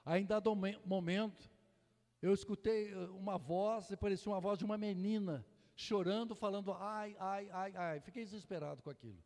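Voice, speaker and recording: A male Brazilian pastor preaching a fervent sermon, full of hallelujahs, moving between loud exclamations and hushed storytelling. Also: high-pitched, fairly quick. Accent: Brazilian Portuguese. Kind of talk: Pentecostal sermon. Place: church sanctuary. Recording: long hall reverb in a church.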